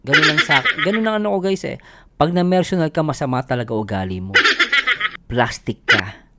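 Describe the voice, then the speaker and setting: A man's voice: on the high side, sing-song, fast, creaky. A man from the Philippines hosting a vlog, chatting casually with viewers and laughing often as he talks. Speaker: vlogger host. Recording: noisy recording.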